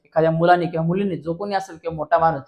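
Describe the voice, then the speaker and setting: A man's voice: fairly high pitch, steady tone, racing, creaky, darkish tone. A man teacher with a Marathi accent explaining an exam paper step by step, repeatedly asking and answering his own questions. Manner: repeats questions back, addresses friends.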